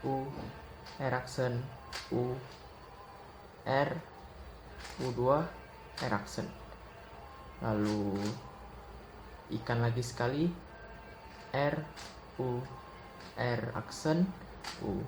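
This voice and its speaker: A young man gives a casual step-by-step puzzle tutorial. He talks in a relaxed way and calls out move notation one move at a time. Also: medium pitch. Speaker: Rubik's cube tutor. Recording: echoey room with audible noise.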